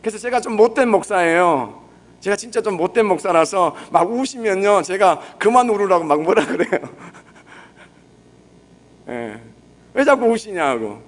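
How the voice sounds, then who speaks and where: A young man preaching a sermon in a Busan Gyeongsang accent, his voice sitting a little higher than most men's. He talks gently and conversationally, with soft affirming fillers, and keeps turning questions back to the listeners. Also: expressive, unhurried. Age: young adult. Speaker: pastor.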